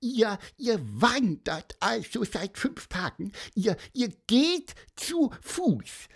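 A man's voice: very high-pitched, big pitch swings, slow, vocal fry, husky, pitched above the performer's own voice, full character voice. A man voicing a chatty little bird that stammers and halts with many filler sounds in a children's audio story. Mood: curious. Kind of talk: storybook character voice.

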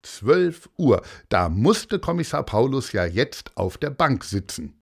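A man reading a children's story aloud in an expressive storytelling manner. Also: medium pitch, takes it slowly, creaky, husky. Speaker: narrator.

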